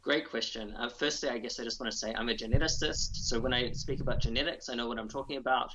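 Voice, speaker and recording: A man's voice: mid-range voice, fast, noisy background. A man, a geneticist guest, explaining carefully with frequent fillers over a video call. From New Zealand. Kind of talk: interview answers. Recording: dull lo-fi video call audio.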